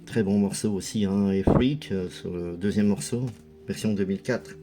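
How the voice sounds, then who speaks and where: Over background music, a man with a low voice speaks at normal speed as he hosts a video showcasing his music collection. His casual commentary is chatty and hesitant, filled with fillers.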